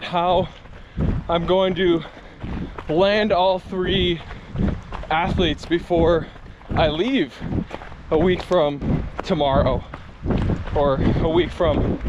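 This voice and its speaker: Through muffled sound and clear outdoor wind noise, a man reflects candidly as he runs. He talks very slowly, in short halting phrases, as a vlogger confiding to camera. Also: sits high. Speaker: running vlogger. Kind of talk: reflective vlog talk while running. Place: outdoors, out on a run.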